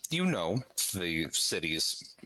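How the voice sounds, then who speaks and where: A man running a tabletop horror game as game master, setting scenes calmly with many filler words. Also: low-pitched, slow, rough recording.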